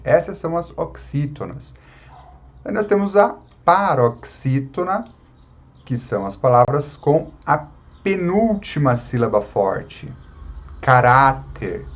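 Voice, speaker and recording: Brazilian male tutor, unhurried, patient explainer, mid pitch. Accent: Brazilian Portuguese. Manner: slow, patient explaining with many tag questions. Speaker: Latin teacher. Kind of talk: online lesson.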